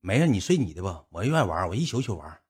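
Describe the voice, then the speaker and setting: A man voicing a pushy drunk young man who keeps coaxing a woman, in a husky voice. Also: deep voice, sing-song, rapid-fire, a little mellow, exaggerated voice. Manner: wheedling, insistent.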